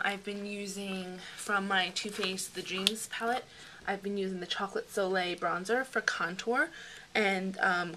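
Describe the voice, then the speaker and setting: A woman's voice: medium pitch, background noise. A young woman chatting casually through a beauty product review, rambling with plenty of fillers. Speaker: beauty vlogger.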